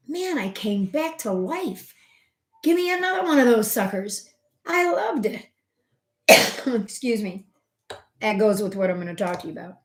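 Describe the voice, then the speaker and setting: A middle-aged homeopath who runs her own health channel tells a personal story straight to camera, chatting casually with lots of fillers and digressions. Her somewhat high voice swings between loud emphasis and soft asides, and the room gives it a noticeable echo.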